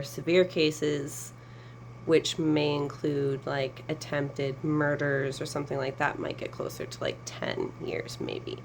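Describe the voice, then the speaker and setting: A woman's voice: low-pitched, slight background noise, low-quality recording. A woman advocate speaking earnestly to camera, explaining a process with emphasis and sarcasm. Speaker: survivor advocate.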